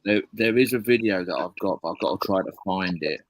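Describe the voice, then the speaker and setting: A man's voice: sits low, a little fast, no room sound, low-quality recording. A man telling a rambling, swear-filled story on a casual live stream. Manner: heavy swearing, blunt rambling anecdote.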